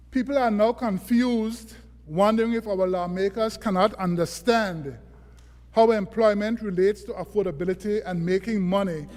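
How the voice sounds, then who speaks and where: A man's voice: high-pitched, darkish tone. A man with an Anguillan accent delivering a formal debate speech as a member of a legislature. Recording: echoey assembly chamber.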